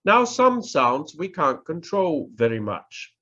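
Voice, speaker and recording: This middle-aged professor, New Zealand accented, gives an indoor online lesson on public speaking in a very animated, sharp-toned voice. His delivery is slow, emphatic, and instructional, with big pitch swings, pauses, and repetition. Everything sounds muffled through the video-call mic.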